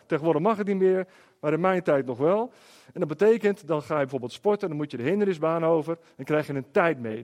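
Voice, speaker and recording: A middle-aged man with a somewhat high voice tells an anecdote to a room. He is animated and rhetorical, and he keeps tossing quick questions to his listeners to pull them along. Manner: lively, rhetorical, checks in with the listeners. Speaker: speaker. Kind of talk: storytelling talk to an audience.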